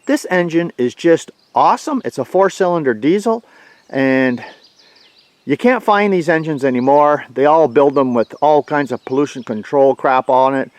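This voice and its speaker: A man's voice: on the high side, expressive, moderate pace, no room sound. A man giving a blunt, folksy, plainspoken walkaround review of his tractor outdoors. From Canada.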